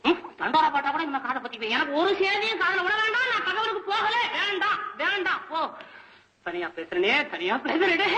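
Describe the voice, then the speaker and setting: Comic poor poet, male, whiny and wailing, high and bright, as a man plays him. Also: full character voice. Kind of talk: comic film-scene reenactment.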